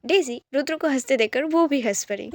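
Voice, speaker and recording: A woman narrating a romance story in plain, steady storytelling. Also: high-pitched, no room sound, studio quality.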